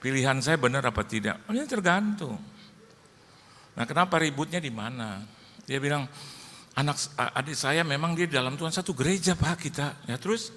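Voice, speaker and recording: A male pastor preaching, lively, telling comic stories and acting out dialogue in changing voices. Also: a little high, moderate pace. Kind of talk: sermon with comic storytelling. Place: large church hall. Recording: church hall reverb, faint ambience.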